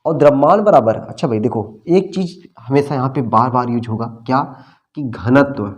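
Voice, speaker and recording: A man's voice: mid-range voice, normal speed, darkish tone. A man teaching a physics class in a friendly, colloquial way, asking questions and answering them himself while he writes. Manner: asks questions and answers them himself, repeating key terms; friendly and colloquial, calls students "bhai" and "babu". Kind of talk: classroom-style lecture at a board.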